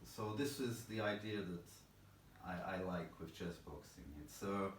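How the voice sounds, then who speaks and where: A low-voiced man from England talks through his answers in a loose, rambling way, full of fillers and modest asides. He sounds set back from the mic in a roomy space with a faint hum of noise behind him. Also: a little slow, far from the mic. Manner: rambling and thoughtful, many fillers, self-deprecating. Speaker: interview guest, chess boxer. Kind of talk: casual interview answers.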